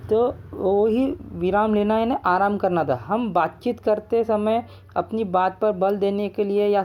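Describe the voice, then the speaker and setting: A man's voice: sits high, muffled recording. A man teaching Hindi grammar as a patient teacher, explaining step by step and often checking in with his students. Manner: patient, repeats points with "ठीक है". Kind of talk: classroom grammar lesson.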